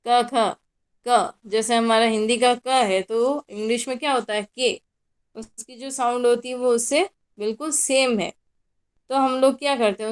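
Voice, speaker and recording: Hindi-accented woman lecturing a class. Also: fairly high pitch. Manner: mixes Hindi and English, asks the class questions and answers them herself. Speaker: college lecturer.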